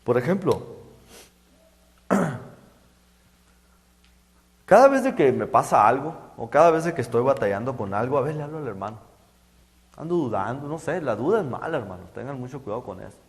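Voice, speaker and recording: A middle-aged man preaching a sermon, halting and repeating words as he goes. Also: mid-range voice, big pitch swings. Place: church hall. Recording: echoey church hall.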